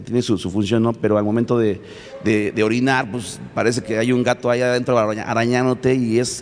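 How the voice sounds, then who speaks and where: Mexican man with a halting delivery. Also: lowish voice, darkish tone, in a large hall. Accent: Mexican Spanish. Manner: halting, many fillers and restarts. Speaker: panel speaker. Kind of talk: casual storytelling in a discussion.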